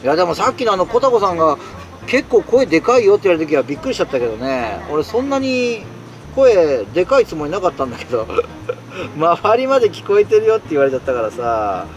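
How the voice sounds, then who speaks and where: Guy rambling to his stream from inside a tent in the rain, high voice, bounces around a lot. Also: very animated, fast, a little hiss or hum. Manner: chatty, exclamatory, answers viewer comments. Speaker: solo camping streamer. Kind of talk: casual live-stream chat while camping. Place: inside a tent while it rains.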